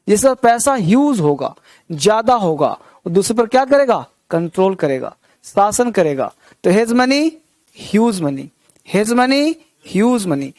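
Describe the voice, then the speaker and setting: A man teaches English vocabulary. He drills each word with rhymes and repeats it slowly, asking his listeners quick questions. The recording is close and dry. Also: sits high, darkish tone, no room sound. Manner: repeats words with rhymes and memory tricks, asks the class questions. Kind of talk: vocabulary lesson.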